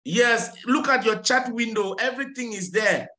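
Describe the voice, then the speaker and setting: A middle-aged man teaches English over a video call. His voice sits high and bright, and he takes his time, repeating corrections and slipping into to explain. The call audio sounds roomy. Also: moderate pace. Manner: patient, corrects and repeats phrases, switches to French to explain. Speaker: English tutor. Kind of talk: online English lesson. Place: small office with tiled walls. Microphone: webcam on a video call.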